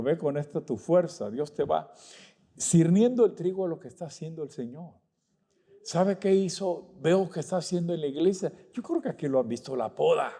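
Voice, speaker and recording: A male guest preacher delivering a fervent Pentecostal sermon in a church. His voice sits a little high but sounds mellow and warm. He swings between loud, rising outbursts and soft, hushed prayer.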